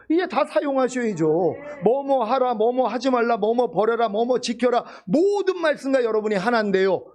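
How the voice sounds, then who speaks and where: A pastor preaching a sermon, emphatic and full of rhetorical questions. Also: male voice, sits high, darkish tone.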